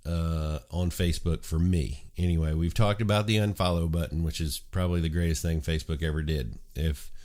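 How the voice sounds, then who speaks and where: Here the morning show host speaks low and briskly, barely pausing at all. Still nasal from a cold, he chats in a relaxed, wandering style thick with ums and uhs.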